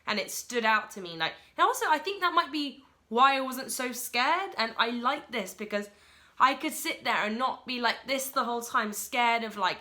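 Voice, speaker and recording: A woman giving a casual solo film review in a rushed, chatty way, full of fillers like "like" and "uh". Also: on the high side, animated, pushed and bright.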